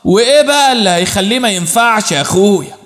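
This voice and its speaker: A man's voice: sits high, animated, very fast, a bit bright, big-room sound. A man putting on a scolding Egyptian wife. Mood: angry scolding. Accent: Egyptian Arabic. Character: angry middle-aged Egyptian wife, scolding.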